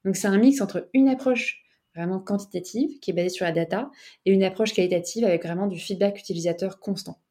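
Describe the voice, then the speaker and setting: A woman's voice: medium pitch, brisk. A young woman, a startup cofounder interviewed as a guest, speaking casually and chattily and often saying "tu vois". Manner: lively, chatty, peppered with "tu vois".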